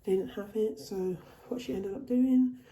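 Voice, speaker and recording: Her voice still a bit off from a cold, a woman chats through a shopping haul vlog at home, repeating and restarting phrases. She speaks at medium pitch and normal speed with a dark tone, in a rough recording with roomy sound and slight background noise.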